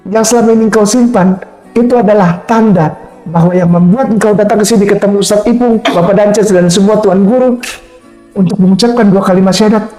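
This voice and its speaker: A man's voice: high voice, fairly quick, warm tone. Brief: male preacher, emphatic, keeps asking rhetorical questions, roomy sound with faint music. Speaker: Islamic preacher. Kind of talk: animated preaching to a convert.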